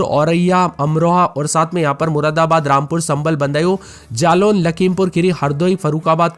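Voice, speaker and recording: Very fast-talking man reading weather news. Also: on the high side. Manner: reels off long runs of items in a list-like, repetitive delivery; addresses listeners as friends. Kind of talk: rapid-fire weather update narration.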